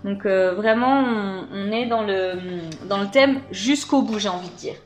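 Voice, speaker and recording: Speaking at a measured pace in a medium pitch, this beauty box vlogger talks casually to camera as she opens products for her viewers. She hesitates a lot and leans on filler words.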